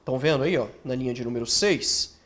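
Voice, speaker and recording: A man's voice: mid-range voice, fairly bright tone. A man with a Brazilian accent teaching essay writing in an online course, checking in with tag questions and answering imagined student questions himself. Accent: Brazilian Portuguese. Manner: explains with quick rhetorical questions and tag questions; acts out student questions in his own voice.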